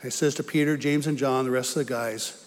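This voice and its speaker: A male pastor preaching a sermon in an earnest storytelling way, his voice rising as he gets excited. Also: mid-range voice, fairly quick. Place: church sanctuary. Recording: long church reverb.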